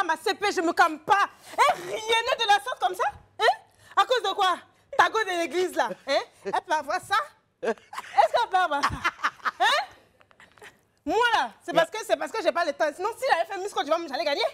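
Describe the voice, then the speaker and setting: A woman acting out a loud, boastful young woman who taunts and shouts. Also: extremely high pitch, animated, a little fast. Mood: shouting taunts. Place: TV studio.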